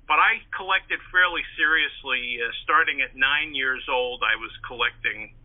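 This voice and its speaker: Heard over a tinny, band-limited phone line, an older Northeastern US man speaks at medium pitch and a moderate pace. He's a writer and historian guesting on an interview, casually sharing anecdotes and repeating words along the way.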